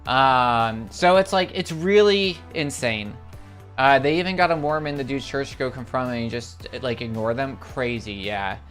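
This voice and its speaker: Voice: medium pitch, moderate pace, faint music behind. A livestream host chatting casually and rambling through a long story, with many filler words and repeated exclamations of how crazy it is. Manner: excitable, repeats "it's crazy".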